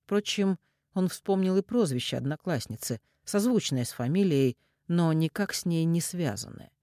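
Lively, expressive male narrator. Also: a little high, moderate pace, dry recording, studio quality. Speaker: audiobook narrator. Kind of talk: scripted narration.

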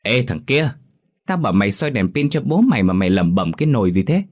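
A man's voice: fairly low pitch, animated, moderate pace. Man doing a brash, mocking young tough. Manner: brash, teasing, rough-talking.

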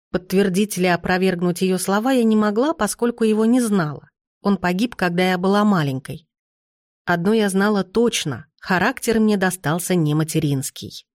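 A woman narrating a fantasy audiobook in the first person with calm, measured reading. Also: on the low side, no room sound, clean studio sound.

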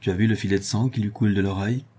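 A man voicing a cunning, cool-headed craftsman in a spoken storybook, with a calm, mocking manner. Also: lowish voice, very fast, slightly rough. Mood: sardonic calm. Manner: sardonic, calm.

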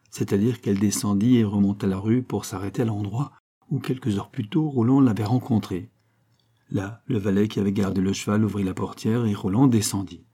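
Low, husky French male narrator. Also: warm tone. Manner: measured, storytelling. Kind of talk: audiobook narration.

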